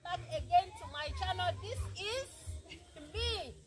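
A woman's voice: very high-pitched, lively intonation, unhurried, heavy background noise. A Ugandan woman from the east of the country, chatting to viewers in a casual vlog while walking through hilly farmland, speaking into a phone camera. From eastern Uganda. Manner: chatty, addresses viewers as guys. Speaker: vlogger. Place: outdoors on hilly village farmland.

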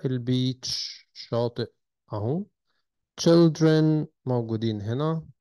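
A man with an Egyptian Arabic accent walks through a recorded textbook lesson, stretching out words and sounds so learners can follow. His voice is mellow and unhurried, and it is recorded dry and close with no room echo. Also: mid-range voice, clean tone. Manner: slow, drawn-out teaching, spelling out sounds and words carefully. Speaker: English teacher.

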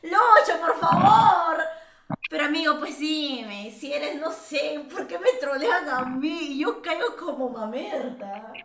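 A woman's voice: high voice, animated, slow pace, a bit bright, roomy sound, slight background noise. A Peruvian woman streaming a game, chatting and teasing with lots of fillers and laughter. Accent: Peruvian Spanish. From Peru. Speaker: streamer host. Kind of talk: casual chat while gaming.

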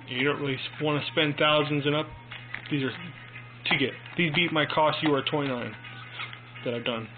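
A man giving a casual, rambling headphone review, recorded on his phone. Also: mid-range voice. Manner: rambling, loose, repeats himself. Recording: tinny noisy phone video recording.

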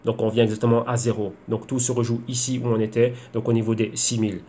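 Male chart analyst, rapid-fire delivery, monotone, lots of rhetorical questions. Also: mid-range voice, a little hiss or hum. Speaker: crypto trading analyst. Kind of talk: screen-share chart analysis.

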